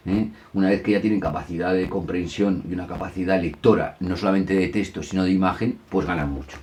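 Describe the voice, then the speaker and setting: Lively man showing picture books. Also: a little hiss or hum. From Spain. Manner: animated, breaks into high sung and chanted rhymes. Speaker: storyteller.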